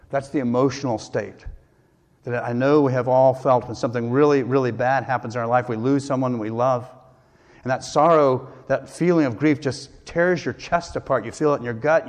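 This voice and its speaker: A man preaching an earnest, emphatic sermon as pastor, with dramatic pauses. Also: mid-range voice. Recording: long hall reverb.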